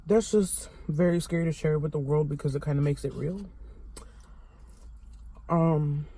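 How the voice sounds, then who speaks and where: A young adult woman talking to camera in a confessional vlog, halting and vulnerable, with many fillers and restarts. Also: low voice, dark tone. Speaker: vlogger.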